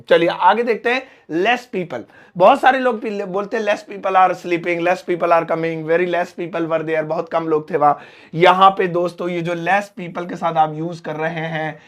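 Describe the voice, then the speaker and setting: A young man with an Indian accent teaching a spoken English lesson, saying example sentences slowly word by word. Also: high voice.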